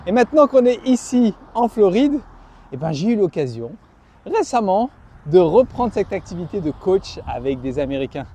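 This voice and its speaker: Animated middle-aged man from France vlogging. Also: sits high. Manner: animated, chatty storytelling with many restarts. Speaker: family vlogger. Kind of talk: casual vlog to camera. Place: outdoors in bright sun.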